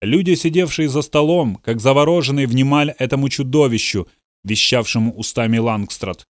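A man's voice: medium pitch, normal speed, no echo, clean studio sound. A man reading a novel aloud in a dramatic audiobook style, voicing the characters' outbursts. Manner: dramatic, voices the characters' shouts. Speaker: narrator. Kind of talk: audiobook narration.

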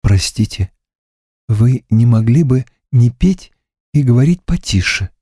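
A man voicing a polite restaurant waiter who speaks in a hushed, low voice in an audiobook. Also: animated, measured pace, slightly rough, no room sound, clean studio sound. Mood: apologetic.

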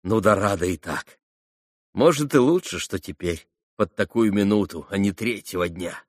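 A man reading an audiobook, voicing an excitable, teasing young woman who chatters playfully. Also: lowish voice, moderate pace, dry recording, clean studio sound, lightly acted. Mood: teasing excited. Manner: chattering, playful, mock-scolding. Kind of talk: audiobook character voice.

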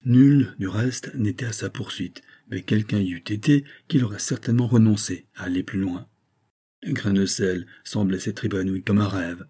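A man reading a classic adventure novel aloud in a measured storytelling manner. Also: lowish voice, mellow, husky. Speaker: audiobook narrator. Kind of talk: scripted narration.

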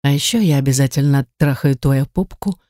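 A woman's voice: a bass voice, a little fast, warm tone, dry recording, clean studio sound. A woman voicing a teasing, self-assured male lover. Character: commanding, teasing man, a dominant lover.

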